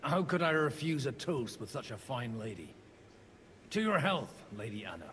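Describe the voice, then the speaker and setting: A man voicing a polite, quick-witted young hero in a game, courteous and gently wry. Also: medium pitch, big pitch swings. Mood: gallant. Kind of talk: game dialogue acting. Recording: echoey hall, faint background noise.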